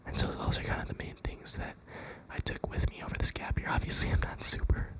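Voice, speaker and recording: Whispering from start to finish, this young adult ASMR creator offers a soothing pep talk in a gentle, reassuring voice that never rushes.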